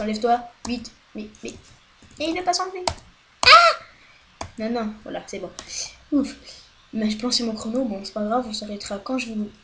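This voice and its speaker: A woman talks her way through a home game session into a headset mic, loose and rambling, letting swear words slip and then apologizing. Her voice sits at a middling pitch with faint noise in the background. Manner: chatty and rambling, swears often, apologizes a lot. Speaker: gaming video host. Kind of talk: casual let's-play commentary. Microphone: headset microphone.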